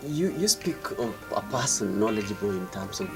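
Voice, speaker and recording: An interviewer who asks measured, probing questions and backs up the guest with many quick acknowledgments. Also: mid-range voice, sing-song, over music. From Kenya.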